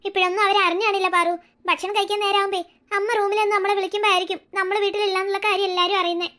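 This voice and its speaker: A woman's voice: very high-pitched, little pitch movement, very fast, bright, forceful tone. A woman voicing a caring teenage older sister in a cartoon, reassuring her younger sibling. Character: earnest teenage girl, protective older sister. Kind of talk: cartoon voice acting.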